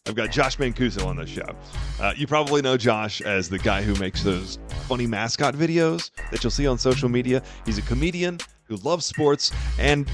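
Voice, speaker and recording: A man hosting a podcast, giving a chatty, upbeat intro with playful self-deprecating asides. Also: medium pitch. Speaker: podcast host. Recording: music bed underneath.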